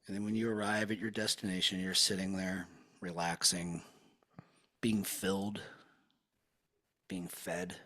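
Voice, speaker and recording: A man with a deep, slightly husky voice talks a client through a hypnosis session. He keeps it slow, soft and soothing, easing into near-whispers as he guides. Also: little pitch movement.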